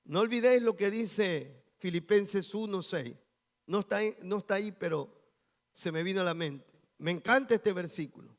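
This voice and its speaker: A man preaching a sermon as pastor, rising loud on key phrases. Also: high-pitched, moderate pace, in a large hall. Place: church sanctuary.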